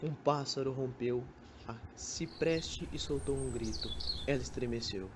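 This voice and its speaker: A young man with a Brazilian accent reads scripted literary narration for an amateur radio drama. His voice is mid-range and a little slow, and the amateur recording carries background noise.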